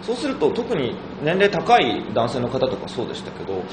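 Male host, quick, animated delivery with lots of laughter; roomy, noisy recording. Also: medium pitch. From Tokyo. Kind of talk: casual chat.

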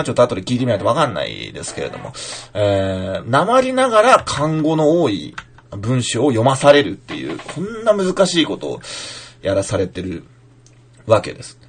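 A man's voice: mid-range voice, wildly swooping pitch, moderate pace, vocal fry, slight background noise. A man raised in Fukushima hosting a casual podcast, reading listener mail and slipping into Fukushima dialect to demonstrate lines. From Fukushima, Japan. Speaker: podcast host, playwright.

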